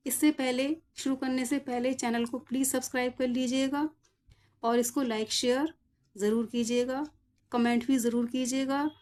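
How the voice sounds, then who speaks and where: A woman's voice: fairly high pitch, a little mellow. A woman teaching English pronunciation rules, patiently spelling out each word letter by letter and then saying it. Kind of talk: slow explanatory lesson.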